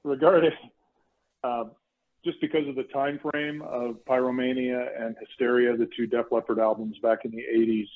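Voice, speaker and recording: A man in his fifties with an American accent and a medium-pitched voice, talking casually as a podcast guest. He comes across as polite and modest, on a slightly dull, lo-fi recording. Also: level tone, normal speed. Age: 50s. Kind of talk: casual chat.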